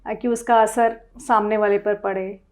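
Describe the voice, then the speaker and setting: A woman hosting an interview, asking polite, measured questions. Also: mid-range voice, flat delivery. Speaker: interviewer, host.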